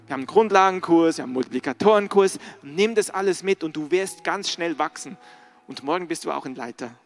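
Earnest high-voiced male preacher. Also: quick pace. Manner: earnest, direct questions to the congregation. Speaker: pastor. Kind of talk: sermon.

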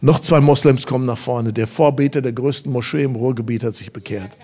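A man's voice: medium pitch, brisk. Emphatic revival preacher, a man. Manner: emphatic storytelling with sudden loud bursts. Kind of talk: revival sermon. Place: church service before a congregation.

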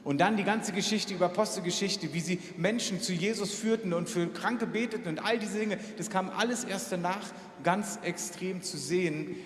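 A man's voice: moderate pace, few pauses. A man preaching a sermon earnestly, speaking straight to his listeners and lifting his voice when he quotes prayers. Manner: earnest, direct address to listener, pitch swings when quoting prayers. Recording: echoey hall with faint ambience.

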